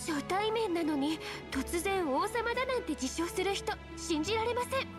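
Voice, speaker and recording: A woman's voice: very high-pitched, lively intonation, fast. A woman playing a prim, indignant young cartoon princess for a Japanese video game. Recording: music behind game clip. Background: game music.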